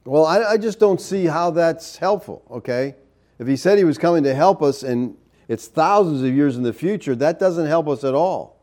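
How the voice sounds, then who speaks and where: Male preacher, mid-high and mellow, incredulous and animated, arguing hard. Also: moderate pace. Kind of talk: sermon.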